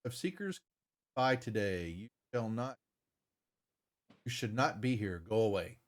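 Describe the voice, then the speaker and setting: A man voicing a stern disembodied guardian in a tabletop game, with a slow, forbidding, unearthly manner. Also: on the low side, animated. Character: stern disembodied guardian voice turning intruders away.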